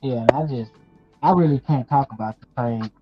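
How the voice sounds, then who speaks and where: A man talking haltingly on a video call, his voice hollow and echoing as if he were in a tunnel. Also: mid-range voice, highs cut off, over music. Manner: halting, repeating himself, hurt. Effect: hollow, echoing tunnel-like sound on the call. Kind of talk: casual chat over a video call.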